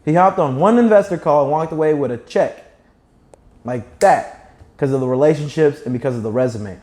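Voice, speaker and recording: With a fairly high, slightly mellow voice and a brisk pace, a young man with a slight lisp talks as a guest startup founder. He tells stories and hands out advice fluently and emphatically in a lively conversational way.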